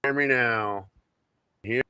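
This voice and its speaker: A man's voice: medium pitch, takes it slowly, bright, forceful tone, slight background noise. A man calling into a talk show, his words garbled and dropping as the connection breaks up. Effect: connection breaking up, audio cutting out. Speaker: caller. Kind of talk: casual call-in chat.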